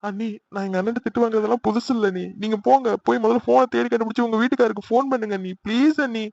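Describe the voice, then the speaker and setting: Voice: mid-range voice, fairly even intonation, rapid-fire, creaky, a little mellow, highs cut off, lightly acted. A voice actor doing young Akil, urgent and bitter. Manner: urgent, then bitter and resigned. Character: young Tamil man Akil, office worker, hurt. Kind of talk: cartoon voice acting.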